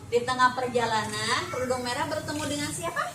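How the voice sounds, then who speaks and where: Recorded from a distance, off-mic, a young woman teacher in her young adult years speaks a little fast at a high pitch as she reads a classroom story aloud. Afterward she coaxes a child with questions and leaves words unfinished for the child to fill in, amid room echo and clear noise.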